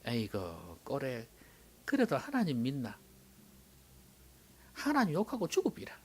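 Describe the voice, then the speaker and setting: A man's voice: mid-range voice, huge pitch swings, a little slow, a little mellow, slight background noise. A man voicing a nagging middle-aged wife who mocks her suffering husband, with a Gyeongsang dialect accent and a scolding drawl. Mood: scornful.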